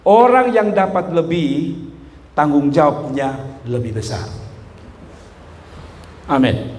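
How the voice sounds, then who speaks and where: A man preaching a lively sermon, telling humorous stories and shouting at his peaks. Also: fairly high pitch, takes it slowly. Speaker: pastor. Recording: echoey hall with faint room noise.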